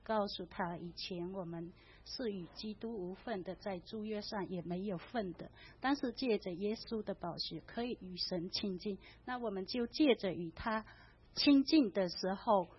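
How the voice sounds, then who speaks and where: A woman sharing a personal faith testimony, speaking softly and often trailing off. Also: medium pitch. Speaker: church member sharing testimony. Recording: dull lo-fi with faint noise.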